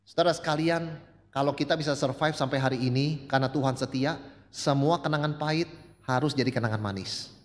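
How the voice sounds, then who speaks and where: A male pastor preaching a sermon, telling stories and shifting between loud, high emphasis and soft, low asides as he addresses the congregation. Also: fairly quick. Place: church sanctuary. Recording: long church reverb.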